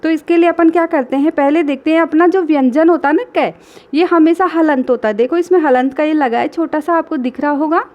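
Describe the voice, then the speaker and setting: High-voiced woman teaching children. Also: darkish tone. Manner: slow, patient sounding-out of syllables; addresses children directly. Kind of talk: children's Hindi reading lesson.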